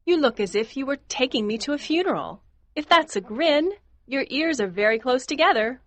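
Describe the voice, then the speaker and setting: A lively teasing young lady. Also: sits high, normal speed. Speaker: Daisy Miller. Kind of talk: audiobook dialogue acting.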